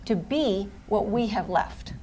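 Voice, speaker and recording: A woman's voice: medium pitch, lively intonation, slow, mellow, slight background noise. A woman from Venezuela, a radio guest speaking earnestly and insistently. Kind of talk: talk radio interview.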